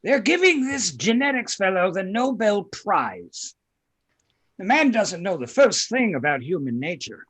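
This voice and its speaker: A pompous, smug old tycoon played by a man holds forth in a high voice. His condescending delivery swings widely in pitch, in a comedy table read. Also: big pitch swings, measured pace, a bit bright, breathy edge, full character voice. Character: smug elderly male tycoon, self-styled visionary.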